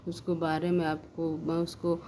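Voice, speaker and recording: A woman's voice: sits low, completely flat delivery, a little slow, mellow. A woman teaching an exam-prep lesson, explaining step by step with frequent fillers and restarts. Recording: noisy background hiss.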